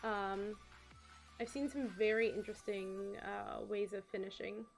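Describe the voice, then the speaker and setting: A woman's voice: mid-range voice, fairly even intonation, a little slow, faint music behind. A woman streamer chatting casually as she works on a craft. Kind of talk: casual chat while crafting.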